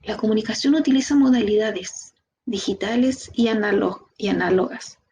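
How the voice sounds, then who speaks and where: A woman with a Chilean Spanish accent giving a training lecture, lively, asking her students rhetorical questions. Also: medium pitch, moderate pace, slightly rough. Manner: lively, talks to the class directly with rhetorical questions. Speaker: instructor.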